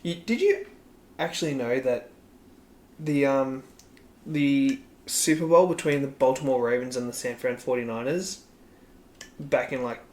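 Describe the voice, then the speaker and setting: A man's voice: medium pitch, unhurried, pauses often, darkish tone. An Australian man co-hosting a podcast, chatting casually about sports in a rambling way, laughing often and saying "like" a lot. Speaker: podcast co-host.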